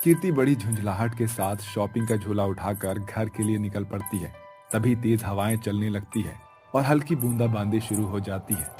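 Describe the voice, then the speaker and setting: A man narrating a cartoon story in a measured, storytelling manner. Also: on the low side, mellow, soft background music.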